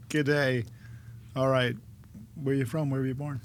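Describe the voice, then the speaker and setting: A man hosting an interview podcast, chatty and quick with interjections. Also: mid-range voice, steady tone, slight background noise. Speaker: podcast host. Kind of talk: casual interview chat.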